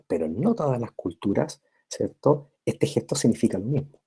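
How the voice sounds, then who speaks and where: A man's voice: medium pitch, big pitch swings, moderate pace, creaky, dark tone, husky. A man giving a recorded university lecture, explaining step by step and often checking in with his listeners. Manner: constant tag checks with listeners; explanatory, repeats and rephrases points.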